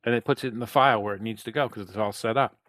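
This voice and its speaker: A man's voice: on the low side, rapid-fire, a bit bright, no echo. A man co-hosting a reselling podcast in casual chat, rambling and restarting his sentences, talking into a headset. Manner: rambling, restarts a lot, loose and profane. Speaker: podcast co-host.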